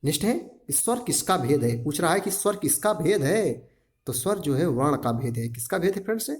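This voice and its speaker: A man's voice: fairly high pitch, big pitch swings, brisk. Man drilling students with his own quiz questions. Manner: drills syllables aloud, asks and answers his own questions; repeats a quiz-style question to the class again and again. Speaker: teacher. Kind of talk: exam-prep grammar lesson.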